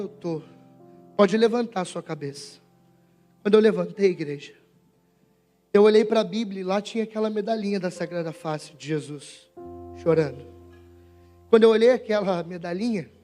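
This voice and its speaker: High-voiced Brazilian preacher, emotional testimony. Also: male voice, darkish tone. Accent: Brazilian Portuguese. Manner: emotional storytelling, addressing the church directly. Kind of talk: sermon testimony.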